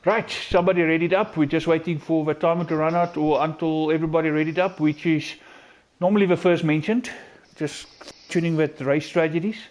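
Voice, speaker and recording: A man's voice: on the high side, steady tone, a little fast, a little mellow. A South African man with an Afrikaans accent, giving casual live commentary on a sim racing stream. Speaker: esports race commentator.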